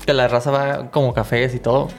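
A man's voice: medium pitch, brisk, soft background music. A man with a Tijuana accent talking casually and slangily as a podcast co-host. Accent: northern Mexican, Tijuana. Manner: relaxed, slangy, asks questions. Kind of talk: casual chat.

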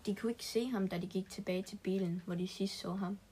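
A woman's voice: medium pitch, steady tone, mellow, a little hiss or hum. Woman reading a scary story aloud. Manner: plain reading with small restarts.

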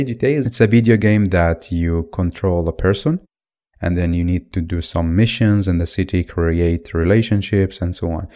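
With a low, warm voice, a twenty-something podcast host from Iraq rambles unscripted through a solo episode, full of fillers and false starts.

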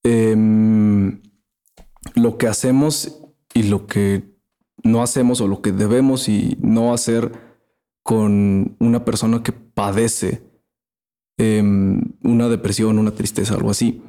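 A man's voice: lowish voice, fairly even intonation, takes it slowly, dark tone. A man with a Mexican accent hosting a casual monologue, rambling in crude slang and often trailing off and restarting. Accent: Mexican Spanish. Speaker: podcast host.

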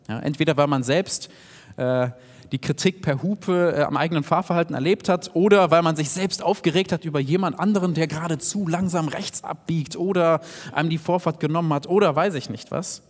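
A man preaching a sermon in an earnest, direct way, sometimes dropping to soft asides. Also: on the high side. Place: church hall. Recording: long hall reverb.

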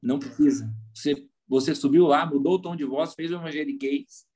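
A man with a Brazilian Portuguese accent, a pastor chatting casually on a podcast and telling lively stories. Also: on the high side, a little fast, husky. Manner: animated storyteller, acts out quoted voices.

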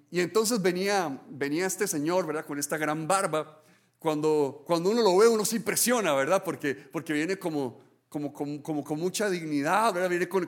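A man preaching a sermon as a pastor. He tells stories earnestly, often restarts and adds "right?" tags, and swings between hushed and excited delivery. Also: a little high. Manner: earnest storytelling, many restarts and "¿verdad?" tags. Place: church.

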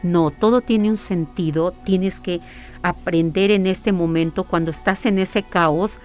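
Woman speaking earnestly, pitch in the middle of her range, faint music in the background, conversational interview, repeats phrases and asks herself rhetorical questions. She sounds like a guest explaining a practice she leads. Her pace is steady and unhurried. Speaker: guest, spiritual hiking workshop leader.

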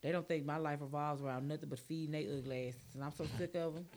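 Animated, cursing middle-aged woman. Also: low-pitched, quick pace, slight background noise. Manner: animated, profane storytelling; exasperated ranting. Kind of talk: casual chat.

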